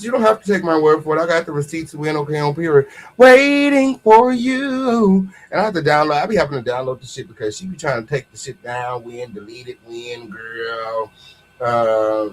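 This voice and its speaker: An American man with a medium-pitched voice hosts an online gossip commentary livestream, sounding sassy and slangy and repeating phrases for emphasis. The recording is rough.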